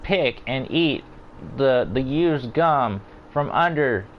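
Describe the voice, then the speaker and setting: A man's voice: mid-range voice, animated, slow, dull audio, a little hiss or hum. Rambling Louisiana man telling jokey stories. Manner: rambling, joking storyteller. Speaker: gamer. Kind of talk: casual chat.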